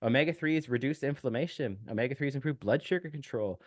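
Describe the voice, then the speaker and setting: A man talking as a nutrition expert in a relaxed podcast chat. His voice sits at an ordinary middle pitch, and the recording is dry and close. He explains technical details steadily, with many small fillers along the way. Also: fast, no echo. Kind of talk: casual podcast interview.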